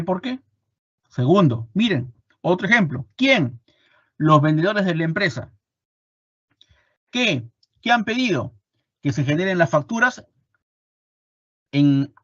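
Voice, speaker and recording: A man with a Peruvian Spanish accent teaching an online class, animated and repeating his points with rhetorical questions. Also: on the high side, slightly rough, no room sound, dull audio. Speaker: instructor. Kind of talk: online lecture.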